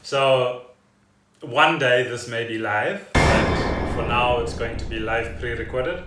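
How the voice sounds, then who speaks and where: A podcast co-host with a mid-range voice chats casually in a living room, taking it slowly as he explains things in a rambling, storytelling way. Loud music plays behind him, and he's distant from the mic, so the sound has a roomy echo.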